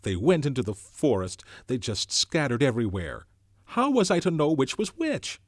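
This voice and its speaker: A man voicing a fretful, indignant schoolboy who pleads in rough dialect grammar. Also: mid-range voice, wildly swooping pitch, normal speed, no room sound, pitched above the performer's own voice. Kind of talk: audiobook character voice.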